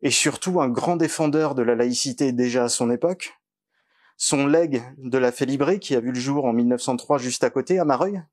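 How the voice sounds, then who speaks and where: A man from western France speaking at a public meeting in a village hall, earnest and halting with many fillers. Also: mid-range voice, darkish tone. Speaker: political candidate.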